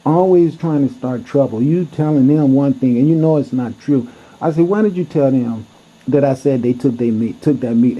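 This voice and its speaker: A man telling a story to camera in a blunt, heated way, cursing freely as he goes. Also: mid-range voice. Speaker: vlogger. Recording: dull lo-fi recording.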